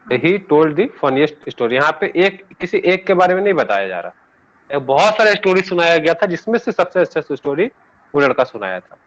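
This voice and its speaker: A man's voice: on the high side, very animated, a little fast. A man with an Indian accent teaching an English grammar lesson to students. He explains patiently, switches between languages and asks the class for answers. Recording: dull lo-fi classroom recording.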